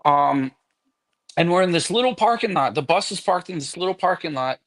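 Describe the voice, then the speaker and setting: A man's voice: sits high, lively intonation, fairly quick, fairly bright tone. A man guesting on a podcast, telling a long story casually and animatedly, with frequent swearing.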